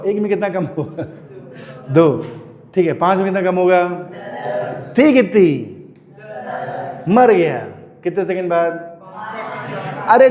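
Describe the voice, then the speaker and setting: A man's voice: high voice, a little mellow, big-room sound. A male physics teacher giving a classroom lecture, firing questions at students and teasing them playfully. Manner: calls out questions and makes the class answer in chorus. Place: classroom at a coaching institute.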